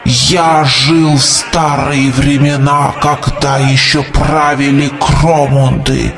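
A man as a creaky, dusty-voiced old prophet. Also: medium pitch, little pitch movement, slow pace, far from the mic. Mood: prophetic. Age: older. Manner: solemn preaching to a crowd, rising to shouts. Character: ancient grey-haired male prophet, fervent and doom-laden. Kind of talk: audiobook character voice. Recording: voice over music.

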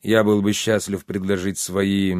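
A man's voice: low-pitched, flat delivery, measured pace, a little mellow, no echo, studio quality. A man voicing a serious, reserved wizard who speaks tersely in an audiobook. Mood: grave. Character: grave, reserved older male wizard.

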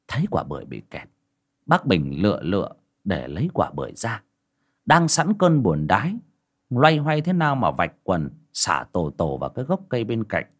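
A man tells a village ghost story with a low voice that swings widely in pitch. His delivery is dramatic and expressive throughout.

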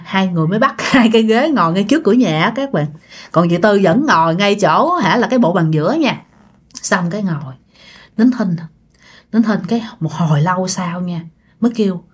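A woman with a mid-range, somewhat bright voice tells a ghost story casually and chattily, frequently speaking directly to her listeners.

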